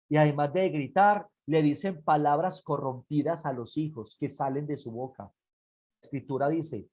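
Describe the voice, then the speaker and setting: A speaker teaching a church parenting class, earnest and pleading, who repeats key points and slows down to stress single words. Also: mid-range voice, darkish tone, breathy edge.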